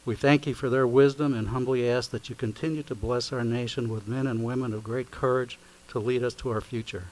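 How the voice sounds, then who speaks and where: A man leading a formal spoken prayer at a county meeting, speaking at a lectern microphone in a solemn, measured, recited way. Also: medium pitch, steady tone, a little mellow, low-quality recording. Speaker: invocation leader at a county meeting.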